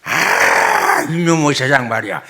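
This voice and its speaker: A man's voice: medium pitch, expressive, takes it slowly, bright, forceful tone, pitched below the performer's own voice, full character voice. A man voicing a boastful middle-aged customer who grumbles about the world.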